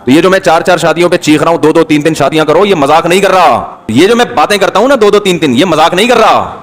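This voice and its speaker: Impassioned male cleric, high-pitched delivery. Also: expressive. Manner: emphatic, impassioned, scolding. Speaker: Islamic cleric. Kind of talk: religious talk to an audience.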